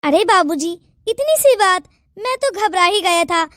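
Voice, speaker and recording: A woman's voice: very high voice, expressive, a little slow, a bit bright, no echo, studio quality, full character voice. A woman voicing a loyal, eager young male servant in a cartoon, speaking respectfully and eager to please.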